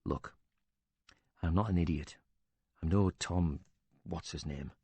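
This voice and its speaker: Read by a man, this bitter older widower is quick to anger, cursing and sarcastically indignant as he defends himself. The low, husky voice is exaggerated, mellow, and slow, recorded close and dry with no room sound at all.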